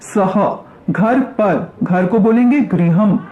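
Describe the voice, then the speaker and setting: A woman teaching a grammar lesson. She recites verb forms slowly, then asks questions and answers them herself. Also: medium pitch, phone-quality sound. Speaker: Sanskrit teacher.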